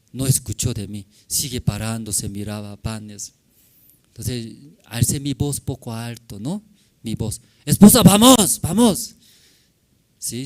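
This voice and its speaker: A male pastor with a Korean accent, a native Korean speaker, telling a personal story in a sermon in simple broken Spanish, often checking in with tag questions. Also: fairly low pitch. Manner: animated, acts out shouting in the story.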